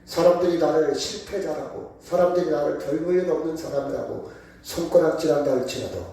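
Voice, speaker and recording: A man's voice: a little high, a little fast, vocal fry, dark tone. A man preaching a sermon as pastor in a church, with emphatic call-and-response questions. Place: church sanctuary. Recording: very echoey room, voice from far off.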